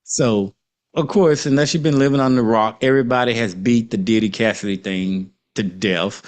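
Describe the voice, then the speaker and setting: A man's voice: mid-range voice, normal speed. A man with an Arkansas accent, chatting casually as the host of a panel talk.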